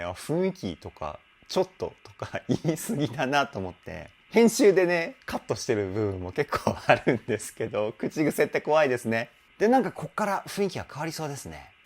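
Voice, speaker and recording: A young man, a vocal coach, chatting enthusiastically while reacting to and analysing a song, laughing often. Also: medium pitch.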